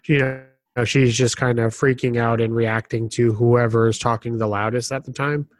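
A man's voice: mid-range voice, little pitch movement, moderate pace, dry recording. Wry casual man, dry close voice. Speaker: podcast co-host. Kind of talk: casual chat.

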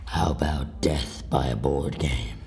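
A girl doing a gravelly, ultra-deep hooded villain. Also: exaggerated voice. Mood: menacing. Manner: slow, hushed and menacing. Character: menacing hooded male kidnapper, deep-voiced.

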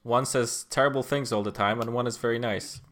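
A man's voice: medium pitch, fairly even intonation, fairly quick, fairly bright tone. A man hosting a podcast who introduces a guest in an easygoing, hesitant way. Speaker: podcast host. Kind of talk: casual chat.

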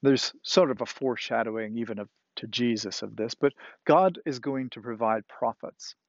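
A man's voice: mid-range voice, normal speed, dry recording, lo-fi sound. A man preaching a sermon in a conversational way, with fillers and emphatic repetition. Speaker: pastor.

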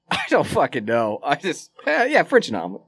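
A man co-hosting a casual podcast, animated and swearing often, laughing as he talks. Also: fairly high pitch, normal speed, slightly rough, dry recording, clean studio sound. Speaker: podcast co-host.

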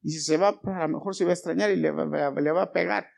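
Animated high-voiced male preacher. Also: quick pace, creaky. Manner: animated preaching, rising and dropping in volume; asks the congregation questions. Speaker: pastor. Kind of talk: sermon. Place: church.

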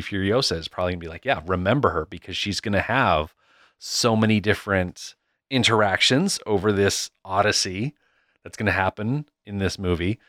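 A podcast co-host in casual chat, talking about a film trailer in a relaxed, rambling way. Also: sits low, no room sound, clean studio sound.

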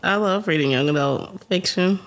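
A woman's voice: lowish voice, moderate pace. A young adult woman co-hosting a podcast in casual, teasing chat, laughing often. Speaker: podcast co-host.

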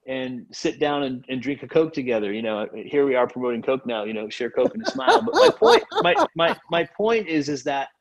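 Man from Haiti, podcast guest, earnest, lots of "you know", mid pitch, slightly dull audio. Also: a little mellow. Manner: earnest, many fillers and restarts. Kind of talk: casual faith conversation.

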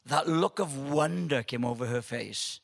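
A man in his seventies giving a humorous storytelling speech to a live audience, hesitant with many ums but animated once the story gets going. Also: medium pitch, measured pace, creaky. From Wales. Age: 70s. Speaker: guest speaker at an event.

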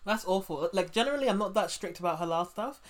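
A woman podcast host from London chatting with a guest, telling animated stories with many fillers. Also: mid-range voice, fast talker. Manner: animated storytelling, many fillers, quotes people. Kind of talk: casual interview chat.

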